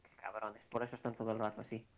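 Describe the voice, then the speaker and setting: A man's voice: fairly low pitch, completely flat delivery, fast. A man grumbling and swearing casually while playing a video game with friends. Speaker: gamer. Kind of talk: casual gaming chat.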